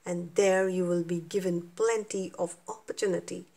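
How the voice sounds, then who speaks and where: A woman's voice: fairly low pitch, fairly even intonation, moderate pace, gravelly. Woman reading as a commanding lion king. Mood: reassuring. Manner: loud, royal proclamations.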